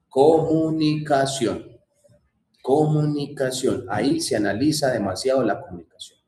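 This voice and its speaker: A man's voice: medium pitch, darkish tone, echoey room. A man teaching a class in a conversational way, repeating points and asking rhetorical questions. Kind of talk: classroom lecture.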